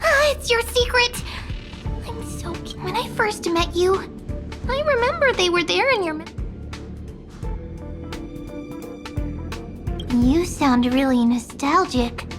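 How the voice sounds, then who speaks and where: A woman's voice: extremely high pitch, expressive, measured pace, over music. A woman voicing a cute, playful memory sprite in a video game, with a tender, teasing and theatrical delivery. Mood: tender, nostalgic. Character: cute, playful female memo sprite companion, gentle and teasing. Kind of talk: scripted game character acting.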